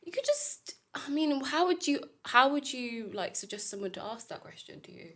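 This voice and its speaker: Bright-voiced young woman raised in Italy. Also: high-pitched, very animated, normal speed. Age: young adult. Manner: giggly, thoughtful, apologetic. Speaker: student guest. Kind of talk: casual podcast chat.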